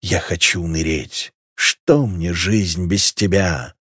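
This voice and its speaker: A man's voice: mid-range voice, wildly swooping pitch, normal speed, no room sound, clean studio sound. A man reading aloud voicing a merry young nobleman who jokes theatrically. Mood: joking.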